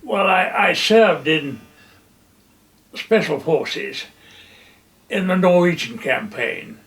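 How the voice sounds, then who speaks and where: Gravelly old man, slow and halting. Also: high-pitched, sing-song, fairly bright tone, far from the mic. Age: older. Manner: halting, with many pauses and fillers. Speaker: retired general interviewee. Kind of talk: wartime reminiscence.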